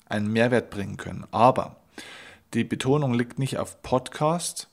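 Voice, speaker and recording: Emphatic German podcast coach. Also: male voice, lowish voice. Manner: emphatic, repeats key points. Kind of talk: motivational podcast monologue.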